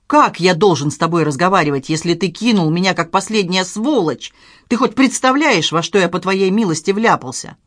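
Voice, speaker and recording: An audiobook narrator voicing an angry, frightened grown son who shouts bitterly and pleads, in a dry recording. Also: mid-range voice, expressive, fairly quick, dry recording. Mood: furious. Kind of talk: dramatized audiobook reading.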